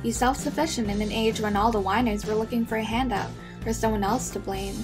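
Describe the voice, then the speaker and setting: Clear music sits behind a high young voice. It is a tough, cocky schoolgirl vigilante acted by a woman, narrating and talking in a matter-of-fact comic-dub style with a foul mouth. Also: fairly even intonation, fairly quick, natural voice. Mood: matter-of-fact, proud. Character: brash, tough schoolgirl vigilante, fiercely devoted to late father.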